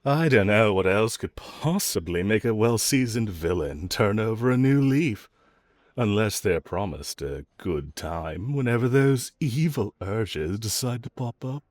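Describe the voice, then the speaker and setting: Recorded at studio quality with no room sound, a man with a lowish voice, lively intonation and a measured pace portrays a cocky, flirty villain who refuses to repent. He teases and mocks the listener with a sarcastic, dismissive drawl, chuckling as he goes.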